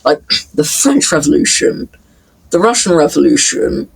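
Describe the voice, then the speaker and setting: A man giving casual off-the-cuff commentary in a halting way, stammering and repeating words. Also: fairly high pitch, sing-song, creaky, husky, low-quality recording. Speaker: reaction commentator.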